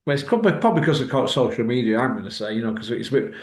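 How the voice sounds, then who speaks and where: A man's voice: mid-range voice, lively intonation, rapid-fire, a little mellow, echoey room. A man hosting a casual chat over a video call, with his audio cutting out and breaking up, talking bluntly and impatiently. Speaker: host reading out viewer questions.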